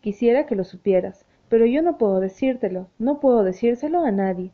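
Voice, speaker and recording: A woman's voice: on the high side, lively intonation, a little fast, natural voice. Restless heartbroken young woman, read by a woman, agitated and pleading, tinny phone-like sound. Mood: distressed.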